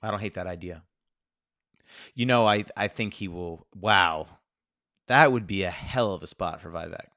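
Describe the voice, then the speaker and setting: Male podcast co-host, lowish voice, blunt and opinionated, dry close sound. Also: normal speed, pauses often, bright, forceful tone, no echo. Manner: blunt, opinionated, laid-back. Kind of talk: casual political chat.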